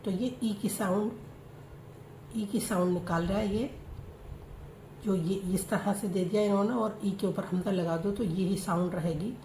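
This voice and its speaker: Brief: woman teacher, slow and deliberate spelling-out delivery, echoey room, faint background noise. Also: mid-range voice, fairly even intonation, mellow. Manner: spells out letters slowly, then blends them into words. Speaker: Urdu reading teacher. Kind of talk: slow spoken reading lesson.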